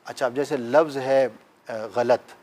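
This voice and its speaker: In a steady, darkish mid-range voice, the talk-show guest walks through an explanatory discussion, patiently lecturing and driving points home with emphatic examples.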